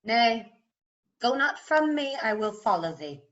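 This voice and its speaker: Woman acting scornful Queen Margaret, bright forceful voice. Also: on the high side, big pitch swings, measured pace. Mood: wounded outrage. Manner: declamatory, emphatic, scornful. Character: proud, scornful warrior queen and wronged mother. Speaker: actor in staged reading. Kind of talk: Shakespearean verse drama, theatrical delivery. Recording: muffled video call audio.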